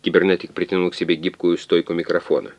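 A man narrating an audiobook in a steady, even reading voice. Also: sits low, fast talker, no echo, dull audio.

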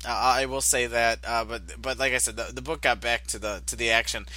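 A man's voice: mid-range voice, steady tone, brisk, pushed and bright. A man co-hosting a podcast, talking casually about a comic issue in a rambling way with sarcastic asides. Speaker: podcast co-host. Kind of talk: casual comic book discussion.

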